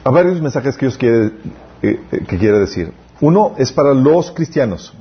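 A man giving a casual sermon as youth pastor, full of restarts and slowed emphatic phrases. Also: medium pitch, sing-song, highs cut off. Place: church.

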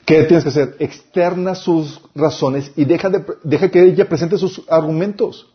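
A man's voice: fairly high pitch, fairly even intonation, moderate pace, dull audio. A man preaching a sermon-style Bible lesson, emphatic, listing points and reading scripture aloud.

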